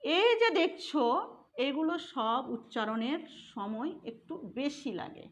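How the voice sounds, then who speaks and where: A woman's voice: high voice, lively intonation, a little slow. A woman teaching a grammar lesson for an exam, explaining step by step and asking and answering her own questions.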